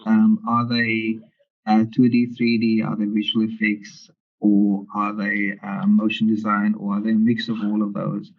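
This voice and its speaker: Male lecturer, husky low voice, even intonation, explanatory answers, phone-like sound. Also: measured pace. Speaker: lecturer being interviewed. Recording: muffled, phone-like narrow band.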